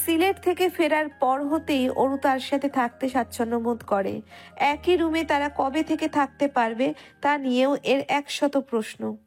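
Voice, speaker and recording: Female narrator for romantic audio fiction: high-pitched, scripted storytelling, music bed underneath.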